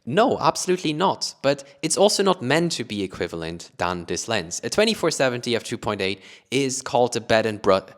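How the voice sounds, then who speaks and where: Briskly and with big swings in his mid-range voice, a young Luxembourgish photography YouTuber explains camera gear to camera. His accent is an international mix shaped by British-taught English, and he rephrases himself with "let's say" and "additionally."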